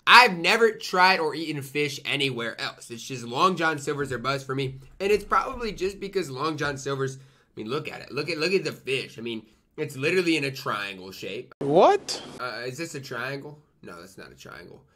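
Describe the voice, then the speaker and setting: A man's voice: medium pitch, expressive, moderate pace, pushed and bright. A young man giving a casual food review to camera, talking emphatically and repeating himself for effect. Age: young adult. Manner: talks while eating, murmuring appreciative mms. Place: small room at home, indoors.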